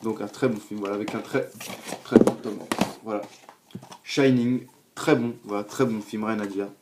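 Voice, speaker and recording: A man's voice: on the low side, steady tone, normal speed. Rambling young man showing his DVDs. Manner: rambling, many fillers and repeated words. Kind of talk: casual spoken review. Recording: noisy home recording.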